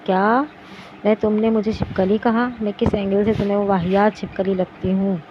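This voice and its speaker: A touchy teenage girl who snaps back at every jab, read out by a woman narrating a novel. The sound is dull and lo-fi, with steady noise behind the voice. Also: medium pitch, moderate pace, natural voice. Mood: irritated. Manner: indignant, snapping. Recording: dull lo-fi recording with background noise.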